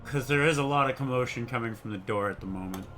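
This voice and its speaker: Bright-voiced male player. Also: medium pitch, fast, slight background noise. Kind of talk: casual chat in a tabletop game.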